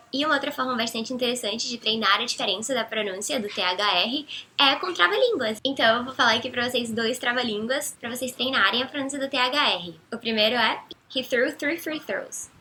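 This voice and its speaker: A young Brazilian woman with a Brazilian Portuguese accent, patiently explaining English pronunciation as a teacher and slowing down for example phrases. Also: on the high side, pushed and bright. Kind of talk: explanatory language lesson.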